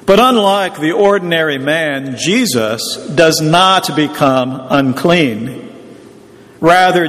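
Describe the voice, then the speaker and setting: A man preaching a sermon in a measured, explanatory teaching tone. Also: on the high side, a bit bright, long reverb tail.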